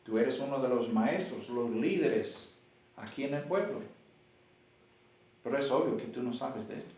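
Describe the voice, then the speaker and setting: A man with a Mexican accent preaching a sermon, acting out short dialogues to make his point. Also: moderate pace. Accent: Mexican Spanish. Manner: animated, acts out dialogues with rising pitch. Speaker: pastor. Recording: echoey room, voice from far off.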